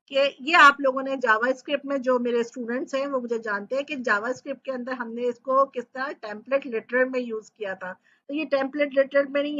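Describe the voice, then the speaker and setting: A woman's voice: sits high, fairly bright tone, muffled recording. A woman teaching programming, explaining step by step and often checking in with her students. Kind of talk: coding tutorial lecture.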